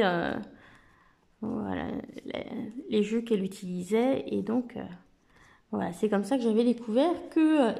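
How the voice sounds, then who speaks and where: A woman vlogger chatting casually to camera, relaxed, with many filler words as she presents card decks. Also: medium pitch, gravelly.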